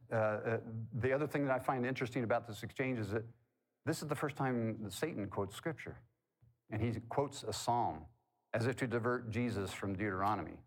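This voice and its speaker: A man preaching a sermon in a conversational way, asking the congregation questions and tossing in corny jokes. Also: mid-range voice. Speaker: pastor.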